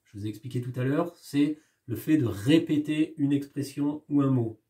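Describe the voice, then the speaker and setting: A man's voice: mid-range voice, moderate pace, dark tone, distant mic. A man teaching a poetry lesson, explaining patiently and reading verses aloud while counting syllables.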